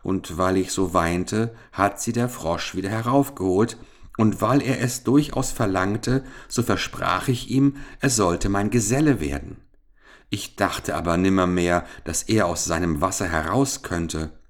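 A man doing a tearful, pleading young princess. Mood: anxious. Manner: higher, pleading, quick promises.

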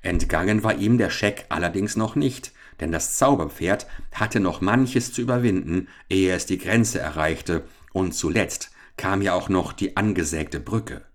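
A man with a fairly low voice reading an old adventure novel aloud. His storytelling is steady and dramatic. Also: a little slow, hardly any pauses. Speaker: narrator.

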